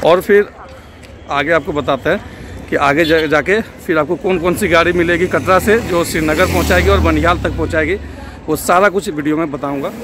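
A man's voice: a little high, moderate pace. A man in his thirties, a travel vlogger filming himself at arm's length outdoors at a station and on a moving train, explaining routes and fares to his viewers. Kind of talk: casual travel vlog. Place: outdoors at a railway station and at an open train door. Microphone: camera held at arm's length. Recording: noisy outdoor and train ambience.

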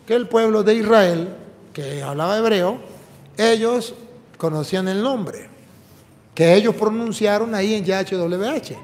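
A priest preaches with a high, bright-sounding male voice, driving each point home with emphatic explanations and rhetorical questions. His words ring out with a long reverberant tail from the church around him. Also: measured pace. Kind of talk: preaching and apologetics dialogue.

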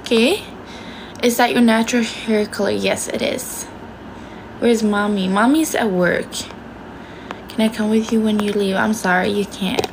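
A young Swedish woman with a Swedish accent hosts a casual phone livestream from a small bedroom, answering viewer comments, chatting, swearing freely and switching between languages. Her medium-pitched voice has fairly even intonation, a little slow with frequent pauses. The phone is held close, with background noise.

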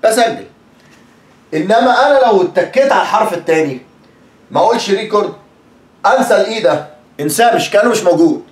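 A man's voice: high voice, animated, racing, reverberant. A man from Egypt with an Egyptian Arabic accent, teaching English pronunciation in a chatty, repetitive way and acting out examples. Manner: chatty, repeats words, acts out examples. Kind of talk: casual spoken lesson.

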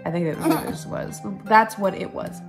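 Over background music, a book club vlogger chats casually about her current read, wandering off on tangents and poking fun at herself. Her mid-range voice is gravelly and swings hugely in pitch, and her pace is moderate. The young woman is at home in the living room, speaking into a tablet's built-in mic positioned close and low.

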